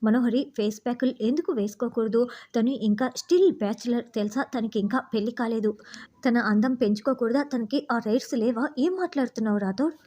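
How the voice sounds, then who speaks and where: A woman reading the part of a sharp-tongued woman. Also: fairly high pitch, fairly quick, close to an everyday voice. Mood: arguing. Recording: muffled lo-fi recording.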